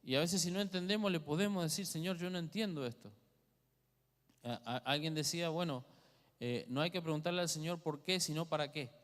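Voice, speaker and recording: Briskly and in a fairly high, fairly bright voice, an Argentine-accented man preaches a teaching sermon in a church hall. He questions the congregation as he goes, and the recording carries long hall reverb.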